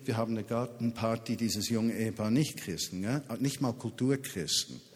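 A man's voice: lowish voice, moderate pace. A man preaching, emphatic and given to repeated phrases while telling personal stories. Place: large hall at a summer festival. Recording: long hall reverb.

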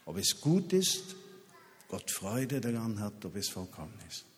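A man's voice: lowish voice, sing-song, unhurried. A man preaching, emphatic and given to repeated phrases while telling personal stories. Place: large hall at a summer festival. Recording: long hall reverb.

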